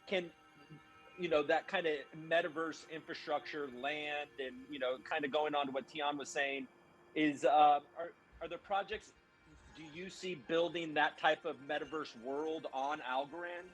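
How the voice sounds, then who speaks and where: Hesitant man moderating with slightly high voice. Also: fairly even intonation, normal speed, fairly bright tone, faint music behind, low-quality recording. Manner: hesitant, polite questions full of fillers. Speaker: moderator asking questions. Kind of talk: online panel discussion.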